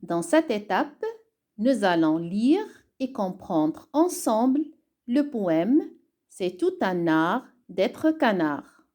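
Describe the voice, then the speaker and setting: A woman teaching a reading lesson online, deliberate and spelling things out step by step. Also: medium pitch, sing-song, darkish tone. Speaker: primary school teacher.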